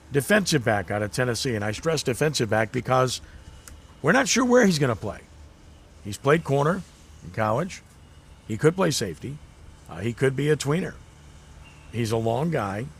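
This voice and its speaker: A man's voice: mid-range voice, slightly rough. A man hosting sports talk radio, analyzing a draft pick. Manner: conversational, analytical.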